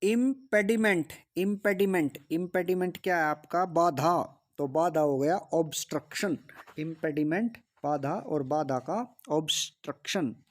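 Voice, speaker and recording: A man's voice: on the high side, a little slow. Man drilling English vocabulary, repeating words. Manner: drills each word by repeating it and asking rhetorical questions. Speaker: English teacher. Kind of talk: vocabulary lesson.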